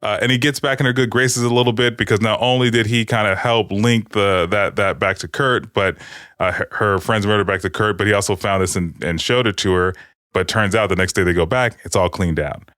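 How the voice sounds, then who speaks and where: A man's voice: lowish voice, steady tone, fairly quick, a bit bright, no room sound, clean studio sound. A man co-hosting a podcast, rambling through a TV recap in casual, profane chat. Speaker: podcast co-host.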